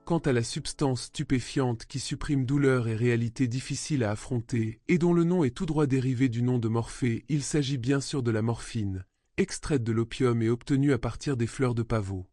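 A man narrating a scripted radio story in a soft, intimate manner, addressing the listener directly. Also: medium pitch, moderate pace, few pauses, no room sound, clean studio sound.

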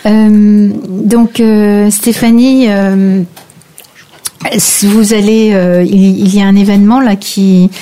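A woman's voice: mid-range voice, flat delivery, slow pace, dark tone. A woman hosting a radio interview, speaking hesitantly with many fillers and short agreeing replies. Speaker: radio host.

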